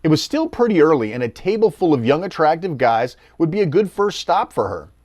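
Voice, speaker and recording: A middle-aged American man tells the story like a scripted documentary, with a wry, personal touch. His pitch swings up and down as he goes. He is recorded close and dry, with no room sound. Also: very animated, brisk, darkish tone, dry recording. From United States. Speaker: documentary narrator.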